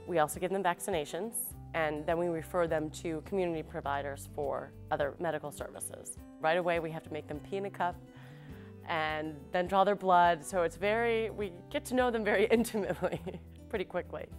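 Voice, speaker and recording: A woman's voice: fairly low pitch, a little fast, soft background music. A woman in her thirties, a public health nurse, speaking thoughtfully and conversationally in an interview.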